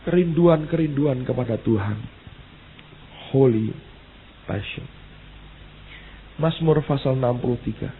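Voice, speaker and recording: A male pastor preaching an emphatic sermon, repeating exclamations and reading verses slowly. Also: mid-range voice. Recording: tinny phone-like sound with faint hiss.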